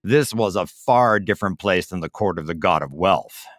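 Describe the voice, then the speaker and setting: A man retelling a folk tale casually, with a fairly low voice that rises and falls a lot. He explains things in chatty asides as he goes. The sound is close and dry. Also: expressive, normal speed, fairly bright tone, dry recording. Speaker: storyteller.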